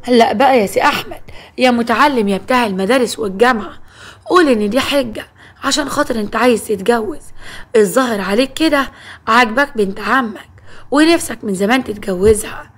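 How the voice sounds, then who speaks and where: A woman's voice: on the high side, fast talker, natural voice. A woman voicing a wronged young wife with an Egyptian accent who pleads and complains. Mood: hurt.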